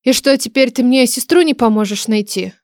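A woman's voice: a little high, brisk, darkish tone, dry recording, clean studio sound, natural voice. A woman voicing a young female thief, hungry, sulky and indignant, in a complaining tone, in an audiobook. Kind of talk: audiobook character voice.

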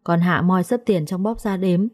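Warm-voiced woman storyteller. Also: on the low side, moderate pace. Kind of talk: first-person story narration.

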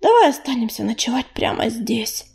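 Shy forest she-cat, read by a woman, hushed and timid, mellow high voice, audiobook. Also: very animated, moderate pace, creaky, husky, exaggerated voice.

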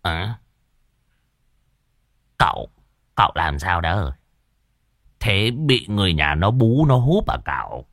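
Narrator voicing a nosy old man, deep and animated, close dry sound. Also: takes it slowly, pauses often, no echo, heavily acted. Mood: prying. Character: curious old male coffin maker.

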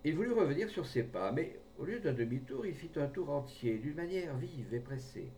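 A man reading a short story aloud in a measured way, recorded from a distance with a faint rumble behind. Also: animated, dark tone. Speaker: audiobook reader.

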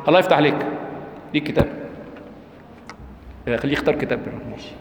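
A man's voice: fairly high pitch, very fast. A man with an Egyptian Arabic accent giving a religious lecture to a live class, quoting verses and quizzing the audience. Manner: lively, quizzes the audience, quotes verses aloud. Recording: echoey hall, faint background noise.

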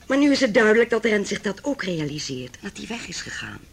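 In a Dutch radio play, an actress voices a haughty, cold, wealthy middle-aged mother who opposes her son's marriage, speaking formally, condescendingly and cuttingly. Her medium-pitched voice is very animated and quick, with vocal fry and a little hiss or hum in the recording.

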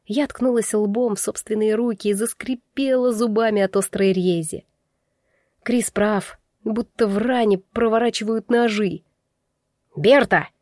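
A woman narrating a first-person audiobook in an expressive, intimate way. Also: medium pitch, no room sound, studio quality. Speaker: audiobook reader.

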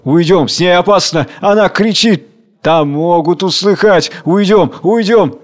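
A crowd of sly, cowardly guests hiss in spite and fear, all voiced by a single male reader. The voice sits well above his own pitch. This is a storybook reading. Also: unhurried. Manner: hissing, sly, scared.

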